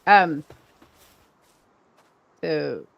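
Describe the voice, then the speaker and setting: A woman's voice: sits low, expressive, very slow, vocal fry, no echo, muffled recording. An older woman streaming a video game, chatting casually and rambling, often trailing off mid-sentence. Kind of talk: casual gameplay chat.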